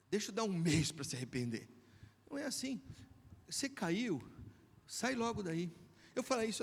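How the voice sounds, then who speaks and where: High-voiced Brazilian pastor preaching. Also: male voice, gravelly. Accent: Brazilian Portuguese. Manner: preaching with wide swings from hushed to shouted. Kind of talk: sermon. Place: church hall. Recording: long church hall reverb.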